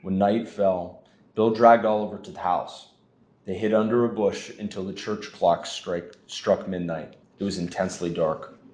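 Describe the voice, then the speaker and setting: Young male reader, expressive storybook read-aloud, fairly low voice, echoey room. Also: moderate pace. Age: young adult. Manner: expressive reading. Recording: roomy echo.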